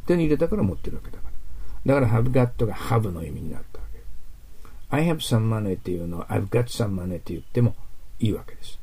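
Low gravelly-voiced man teaching English. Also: mellow. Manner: explanatory, with many fillers and rhetorical questions; reads English example sentences slowly. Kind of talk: lecture on English vocabulary and grammar.

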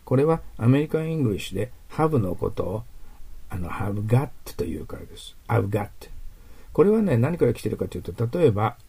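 A male English teacher explaining vocabulary and grammar in a lecture, with many fillers and rhetorical questions, reading English examples slowly. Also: medium pitch, very animated, gravelly, dark tone, slightly rough.

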